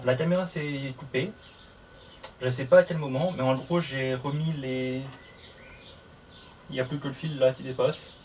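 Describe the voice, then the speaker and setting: This motorcycle vlogger has a medium-pitched, somewhat dark voice, chatting casually to camera while muttering his way through a hands-on tutorial. He is recorded on a distant mic with plenty of audible background noise.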